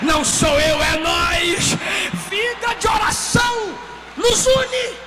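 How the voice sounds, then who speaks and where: Shouting Brazilian woman preacher. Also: extremely high pitch, expressive, slow. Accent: Brazilian Portuguese. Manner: shouting, emphatic, acts out quotes. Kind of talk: sermon. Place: church hall. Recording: church hall reverb, faint music.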